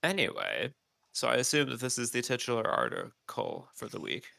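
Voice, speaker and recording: A man's voice: medium pitch, huge pitch swings, normal speed, gravelly, sharp tone, no echo. A man co-hosting a podcast, explaining at length in casual chat with many ums, his nose stuffy. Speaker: podcast co-host.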